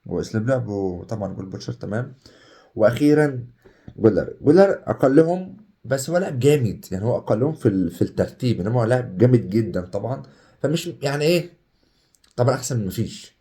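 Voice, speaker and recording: A young Egyptian man talking casually over a game, excitable and chatty, swinging between hype and groans. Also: medium pitch, fast talker. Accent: Egyptian Arabic. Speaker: gaming YouTuber. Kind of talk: casual gameplay commentary.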